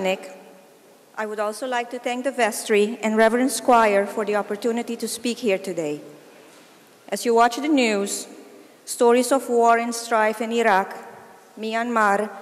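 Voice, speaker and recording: A middle-aged woman delivers a prepared speech in measured, formal short phrases. Her voice sits a little high. The long reverb of a large hall trails after each phrase. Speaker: volunteer speaker.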